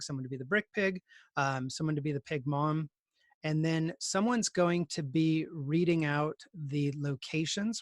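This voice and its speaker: Speaking on a video call, a man with a voice on the high side teaches conversationally, organizing his students with polite encouragement. The studio sound is clean, with no room sound.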